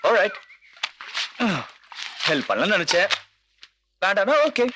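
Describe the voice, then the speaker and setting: A man's voice: high-pitched, very animated, unhurried, noisy background. An actor playing an easygoing, helpful young man who slips English words into his talk. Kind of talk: Tamil film dialogue. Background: film music.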